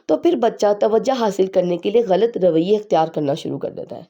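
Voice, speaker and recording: Hoarse woman giving calm parenting advice. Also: mid-range voice, lo-fi sound. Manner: calm, explanatory advice-giving, pausing on numbered points. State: hoarse from a sore throat. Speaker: parenting vlogger. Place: at home.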